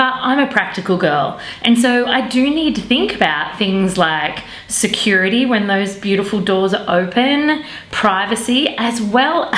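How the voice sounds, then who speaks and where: A woman's voice: fairly high pitch, fairly bright tone. Gushing Australian woman in an echoey room. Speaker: host of a home renovation show. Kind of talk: presenting a renovation vlog to camera. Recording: echoey room with faint background noise.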